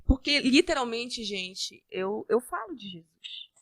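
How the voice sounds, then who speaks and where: A woman giving a personal faith-filled testimony as a podcast guest, earnest, with halting restarts. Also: fairly high pitch, very animated, no echo, studio quality. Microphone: studio podcast mic.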